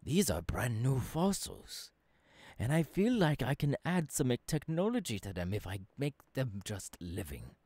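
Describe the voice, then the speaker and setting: A man voices an earnest futurist professor guiding an apprentice through an intimate ASMR audio roleplay told in the second person. Eager and instructive, his husky delivery is slow and halting, with big pitch swings between emphatic rises and lows that drop to whispers. Recorded close and dry, with no room sound.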